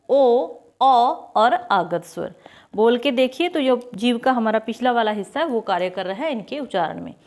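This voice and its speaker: Woman teacher, fairly high voice, patient explainer who poses questions and answers them, sounds out example vowels slowly. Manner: explains step by step, asks and answers her own questions. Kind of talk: online Hindi grammar lesson.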